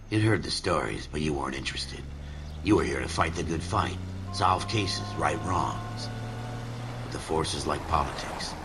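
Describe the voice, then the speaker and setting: An actor voicing a world-weary, cynical American noir narrator in a video game, grave and knowing. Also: male voice, rumbling low. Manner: grave, knowing, addresses the hero as you. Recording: clear background noise behind narration.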